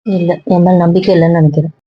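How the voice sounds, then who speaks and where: A woman's voice: lowish voice, level tone, racing, husky, no echo. Actress as a young girlfriend, hurt, reproachful, dry sound, slightly dull, web drama. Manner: questioning, reproachful.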